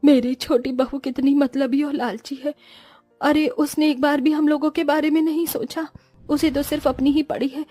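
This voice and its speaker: A woman's voice: sits high, level tone, moderate pace, warm tone, dry recording, soft background music, lightly acted. A woman voicing a stingy, bossy middle-aged mother-in-law in a cartoon story, with a grumbling way of talking. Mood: weary.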